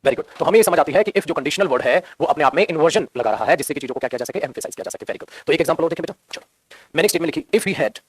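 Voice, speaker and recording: A man's voice: fairly high pitch, animated, very fast, husky. A middle-aged man teaching English grammar to a live class with a Hindi accent, repeating points and calling the students "beta".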